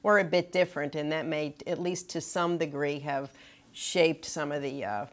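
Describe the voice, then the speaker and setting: A woman's voice: low-pitched, moderate pace. A woman clinician speaking on a medical panel, explaining treatment guidelines earnestly with frequent fillers and restarts.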